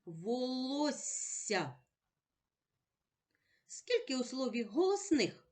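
A woman teaching a special-education lesson at a very slow, deliberate pace. She sounds out each word patiently, and her pitch lifts and falls a lot as she coaxes the class along. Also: sing-song, a little mellow. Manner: patient, drawn-out, sounds words out one by one.

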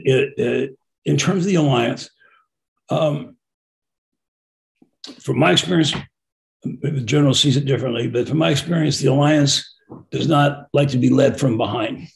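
A man's voice: on the high side, creaky, a little mellow. A man speaking on a webinar panel, blunt and opinionated, with many stammered restarts. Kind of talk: policy discussion.

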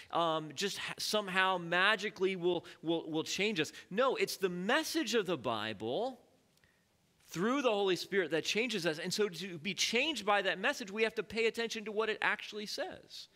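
A high-voiced man teaches a Bible study in a church sanctuary, keeping it relaxed and conversational with lots of fillers and frequent questions for the congregation.

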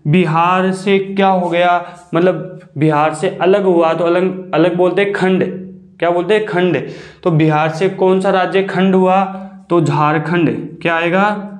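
High-voiced man teaching in an echoey room. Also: fairly even intonation. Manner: repeats questions and answers them himself, drawn-out key words. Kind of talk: classroom mnemonic lesson.

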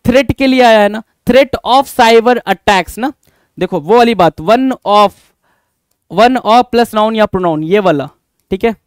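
A man's voice: high-pitched, takes it slowly, clear, resonant tone, no room sound, clean studio sound. A young Indian man teaching English grammar in a live online exam-prep class, addressing students as "bhai", repeating points and asking rhetorical questions. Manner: addresses students as bhai, answers chat comments by name.

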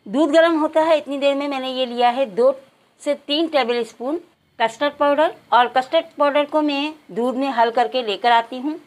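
A woman calmly talking viewers through a home recipe, step by step, as the host of a cooking channel. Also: high voice, moderate pace. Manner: calm, instructive, addresses viewers directly.

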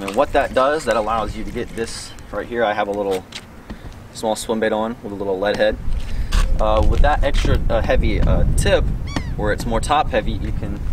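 A man's voice: lowish voice, noisy background. A young man outdoors on a waterfront pier, casually walking through the features of a fishing rod he makes, with plenty of ums and uhs. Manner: relaxed, with frequent ums and uhs. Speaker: rod maker presenting his product. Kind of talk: casual product walkthrough. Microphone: camera mic at a distance. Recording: distant voice with background music. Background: music.

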